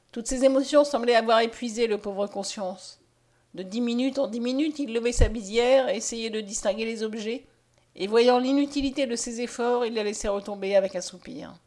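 A woman reading a novel aloud with steady, expressive narration. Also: fairly high pitch. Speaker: reader.

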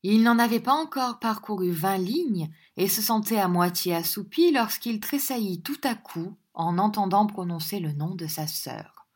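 A woman reading a classic novel aloud in a steady, measured storytelling voice. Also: medium pitch. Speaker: audiobook reader. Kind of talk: scripted narration of a classic novel.

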